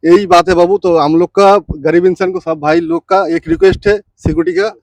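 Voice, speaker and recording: A man with a small food stall makes earnest, pleading appeals to a reporter on the street. His voice sits slightly high. The recording is dry with no echo. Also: fairly even intonation, fairly quick, gravelly. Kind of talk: street interview.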